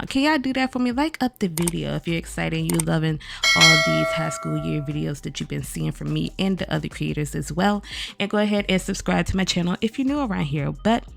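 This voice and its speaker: Sounding groggy, as if just up, a woman creator chats through an overview of a new game pack, speaking straight to her viewers as "y'all." Her voice is on the low side and gravelly.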